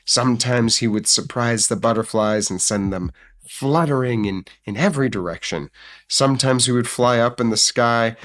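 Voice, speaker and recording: A man reading a picture book aloud on a casual stream, relaxed and jokey, with swearing asides. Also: medium pitch, normal speed.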